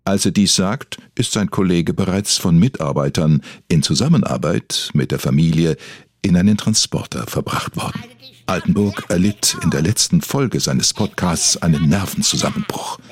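A man narrates a satirical true-crime podcast as a self-serious investigative influencer, in scripted, solemn, dramatic documentary style. His low-pitched voice is expressive with a breathy edge, at normal speed and with no echo.

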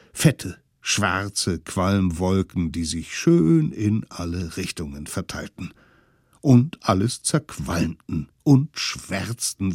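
A male narrator reads a children's radio story at an unhurried pace. His voice rises and falls in an animated way. The sound is close and dry, with no room around it. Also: deep voice, breathy edge, no echo. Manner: expressive, storytelling.

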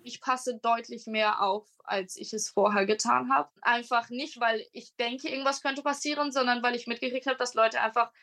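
Woman, 20s, student, thoughtful interview testimony, high voice. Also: fairly even intonation, moderate pace, hardly any pauses, fairly bright tone.

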